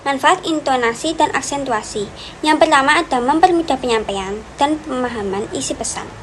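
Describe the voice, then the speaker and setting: A woman's voice: high-pitched, moderate pace, rough recording. A young woman giving a class presentation, reading steadily through numbered points. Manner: steady listing with repeated "dan yang kedua" connectors. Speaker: student presenter. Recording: faint background noise.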